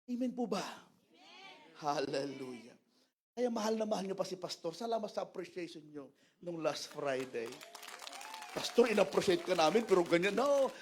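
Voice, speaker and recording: Animated high-voiced preaching man. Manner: animated preaching mixing Tagalog and English, acting out quoted voices. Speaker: pastor. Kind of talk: sermon. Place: church.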